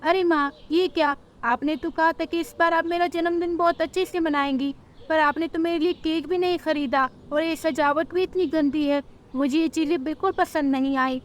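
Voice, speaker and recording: A sulky, demanding little girl bird from a cartoon story, speaking in a very high, childish whine, as a woman narrator puts her on. She talks like a spoiled child who wants things her way. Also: fairly even intonation, moderate pace, natural voice.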